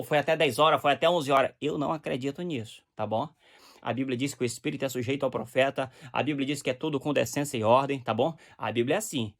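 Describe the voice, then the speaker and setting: A man preaching in a direct, exhorting teaching style, often checking that the listener understands. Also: a little high. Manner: direct, exhorting, often asks "você tá entendendo?".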